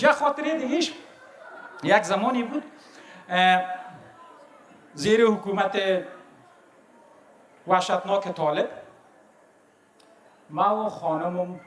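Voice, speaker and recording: A fairly high-pitched man with an Afghan Dari accent tells unhurried family stories as father of the bride. His voice rings out through an echoey hall as he pauses and chuckles between memories. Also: a little hiss or hum. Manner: warm anecdotal storytelling with chuckles and pauses. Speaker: father of the bride giving a wedding speech. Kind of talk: storytelling wedding speech.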